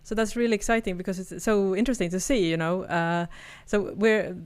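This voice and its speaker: A woman with a Swedish accent co-hosts a podcast, chatting casually, laughing often, and restarting her sentences. Her medium-pitched voice has fairly even intonation, a clean tone, and a slightly fast pace.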